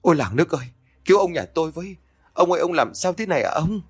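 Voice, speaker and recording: A man voicing a frantic older village woman who wails for help and curses loudly. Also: fairly high pitch, animated, fast talker, breathy edge, pitched above the performer's own voice. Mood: panicked. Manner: wailing, cursing.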